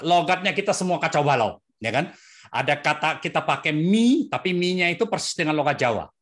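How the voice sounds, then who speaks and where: A preacher from Indonesia giving a chatty, conversational sermon, often asking the listeners "right?" as the voice rises and drops. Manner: swings between high and low pitch.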